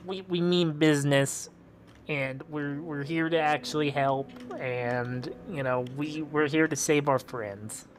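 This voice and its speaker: A man playing a tabletop game, speaking in a halting, hesitant way. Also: fairly high pitch, steady tone. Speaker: player. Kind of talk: casual tabletop play.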